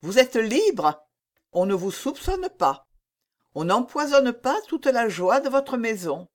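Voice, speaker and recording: A woman reading the lines of a coy, charming young princess in a soft, coaxing voice. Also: on the high side, big pitch swings, slow, pitched above the performer's own voice.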